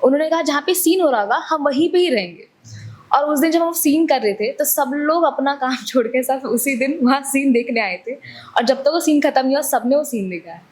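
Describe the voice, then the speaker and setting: Casting: high-pitched woman, actress guest, chatty, laughs a lot, acts out quoted lines. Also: expressive, fairly quick. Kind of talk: casual interview chat.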